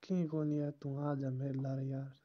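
The caller talks a little slowly in a medium-pitched, flat-sounding voice. It's an informal, private exchange like a phone call, captured in dull, lo-fi audio.

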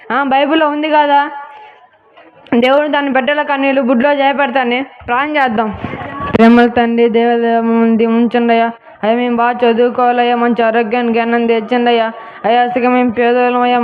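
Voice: medium pitch, level tone, fast talker, a little hiss or hum, lightly acted. An actor playing a poor jobless young man who complains and prays for work. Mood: complaining. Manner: complaining, pleading. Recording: tinny phone-like sound.

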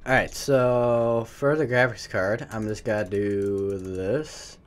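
His voice is fairly low with fairly even intonation, and he takes his time. As a gaming channel host doing live Minecraft building commentary, he chats aimlessly, mocks himself, trips over phrases, and swears softly when things go wrong.

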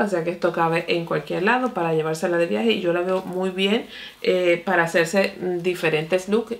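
Excitable low-pitched woman with a gravelly voice. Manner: chatty and excitable, often says "mi amor" and "señores". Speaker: beauty vlogger. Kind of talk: casual makeup review and tutorial.

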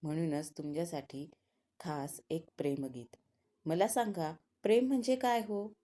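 A charming young male singer , played by a woman narrator, speaking smoothly and romantically to a crowd. The tone is low and mellow. It is told as a spoken storybook. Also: unhurried, a little hiss or hum. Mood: romantic.

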